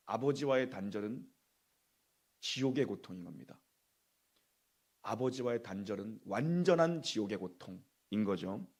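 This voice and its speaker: Gravelly, husky Korean pastor preaching. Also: male voice, lowish voice, darkish tone. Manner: emphatic preaching, repeats key phrases, quizzes the congregation. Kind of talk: Good Friday sermon. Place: church sanctuary.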